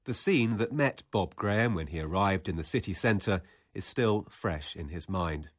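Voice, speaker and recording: A man narrating a radio documentary in a measured, scripted way. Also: low voice, lively intonation, dry recording, clean studio sound.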